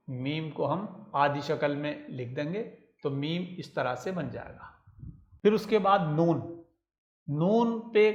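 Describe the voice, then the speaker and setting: A man's voice: fairly high pitch, muffled recording. A man teaching a children's writing lesson, patiently spelling out letters one by one and repeating each step. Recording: roomy echo.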